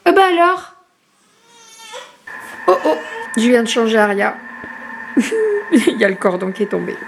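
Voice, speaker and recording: A woman's voice: on the high side, big pitch swings, unhurried, gravelly, noisy background. A woman vlogging about her family life from her home kitchen, rambling casually with lots of hesitations and self-corrections. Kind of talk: casual home vlog chat.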